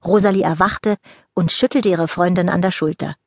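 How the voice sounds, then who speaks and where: A woman's voice: lowish voice, steady tone, normal speed, dry recording, studio quality. Woman reading a children's story. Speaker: audiobook narrator. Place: dry recording booth. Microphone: close studio mic.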